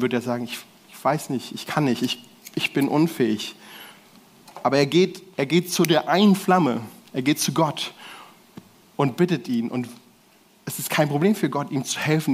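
A man preaching a casual sermon to a gathered audience, in slangy everyday speech with restarts and self-corrections. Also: medium pitch. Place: church hall with audience.

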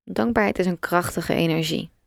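A woman leads a guided meditation in a low, gravelly voice. She talks slowly and softly, leaving long pauses, and the recording is close and dry. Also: no room sound. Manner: slow, soft and calm, with long pauses.

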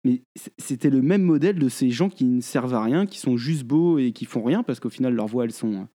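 A man chatting casually as a podcast co-host, his voice dark and mellow at a middle pitch. He hesitates a lot, restarting his sentences and stacking fillers as he goes. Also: lively intonation, fairly quick. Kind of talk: casual chat.

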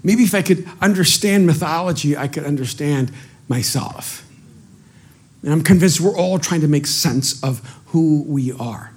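A middle-aged Salvadoran pastor, Spanish being his native tongue, gives an energetic, self-mocking sermon marked by repeated words as he begins again. He speaks at a measured pace in a voice a touch high.

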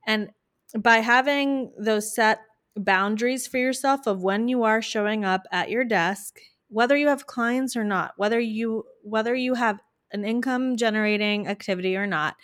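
A woman's voice: medium pitch, no echo. Woman coach speaking in a dry, close voice. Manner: animated, practical advice with frequent restarts. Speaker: business coach guest. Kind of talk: podcast interview chat.

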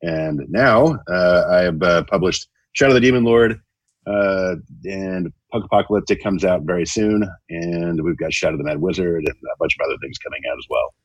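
Husky guy podcast guest, wry, casual, close dry sound. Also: low voice, normal speed, dry recording, rough recording. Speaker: podcast guest, game designer. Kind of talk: casual interview chat.

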